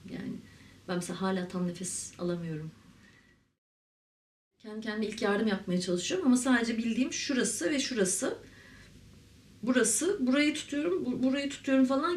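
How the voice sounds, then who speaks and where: A woman in her thirties from Turkey, an interviewee telling her own story in a candid, reflective way with halting fillers. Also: fairly high pitch, slight background noise. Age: 30s. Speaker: interviewee, ceramic artist. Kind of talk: personal testimony to camera. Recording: roomy, mic at a distance, faint ambience.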